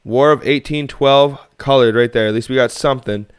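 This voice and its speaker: Young canadian guy rambling to his live chat while sorting coins, smooth clear voice, middle pitch. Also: brisk. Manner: chatty, rambling, upbeat asides to viewers. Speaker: coin roll hunting livestream host.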